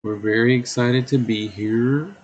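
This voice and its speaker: A man's voice: medium pitch, fairly even intonation, measured pace, lo-fi sound. A middle-aged man hosting his own live stream in casual chat, humming and scatting to fill the waits. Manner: chatty, hums and scats while waiting. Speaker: streamer host.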